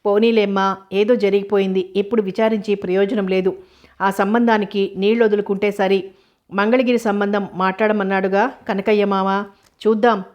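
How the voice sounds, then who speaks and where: Worried older mother, read by a woman narrator, storybook, flat mid voice. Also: medium pitch, moderate pace, dull audio, natural voice. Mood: relieved.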